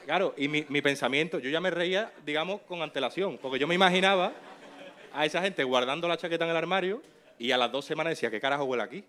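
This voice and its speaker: Man, slightly high voice, fast talker, casual chat. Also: a bit bright. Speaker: talk show guest.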